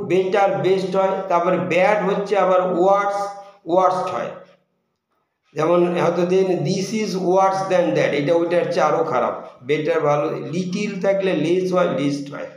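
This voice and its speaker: A man with a Bengali accent teaching English grammar, repeating examples slowly and patiently. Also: sits high. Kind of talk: classroom grammar lesson. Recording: very echoey room.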